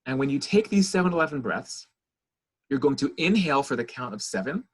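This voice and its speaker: Husky-voiced man coaching breathing exercises. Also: medium pitch, very animated, fairly quick. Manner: coaching, counting the audience through exercises. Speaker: child therapist leading a parenting webinar. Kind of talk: guided breathing instruction and lecture. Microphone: video call.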